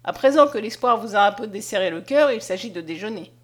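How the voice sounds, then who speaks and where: A woman reading the lines of a kind, caring lady in a storybook, gentle and reassuring. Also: medium pitch, lively intonation, fast, natural voice.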